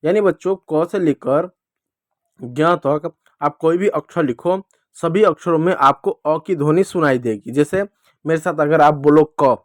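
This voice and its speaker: A male teacher giving a children's reading lesson, addressing the kids directly and drawing out each letter sound slowly, asking and answering his own questions. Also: on the high side, no room sound, clean studio sound. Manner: slow, drawn-out sounding of letters.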